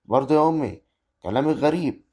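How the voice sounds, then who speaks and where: A man's voice: on the high side, expressive, fast, mellow, breathy edge. A man with an Egyptian accent playing a young married farmer who argues and defends his wife in a village drama. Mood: arguing. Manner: arguing, protesting. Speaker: actor in a web drama. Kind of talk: amateur village drama acting.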